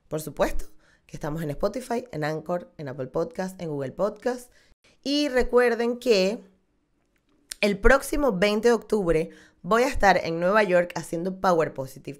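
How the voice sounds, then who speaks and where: A woman, hosting a podcast and talking expressively into a studio mic in a small room. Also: fairly low pitch. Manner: animated, gestures a lot with her hands. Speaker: podcast host. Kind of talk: casual podcast outro. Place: small room with dark wall. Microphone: studio condenser mic on stand.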